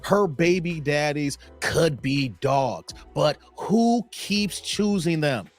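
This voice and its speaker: Male reaction host, preachy lecturing tone, slightly higher voice, faint music behind. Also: animated, slow. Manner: preachy, repeats "here" at phrase ends. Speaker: commentary host reacting to a call-in show. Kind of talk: reaction commentary.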